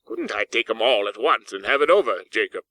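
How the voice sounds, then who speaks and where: A man's voice: on the low side, lively intonation, brisk, bright, forceful tone, no echo, rough recording. A man voicing a fearful old miser in a storybook, pleading in a faltering manner. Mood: timid, faltering. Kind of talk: dramatic audiobook character acting.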